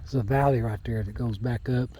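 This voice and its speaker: A man's voice: mid-range voice, fairly even intonation, fairly quick, mellow, husky, dry recording, poor audio. An older man chatting in a rambling, folksy way while walking a rural hillside, then reading scripture aloud, recorded on a handheld phone. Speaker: lay Bible teacher.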